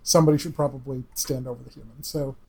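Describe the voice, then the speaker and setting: A man's voice: medium pitch, steady tone, fast talker, warm tone, husky. A man playing a tabletop role-playing game, dry and a bit wordy, stammering now and then. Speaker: player. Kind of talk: casual tabletop game play.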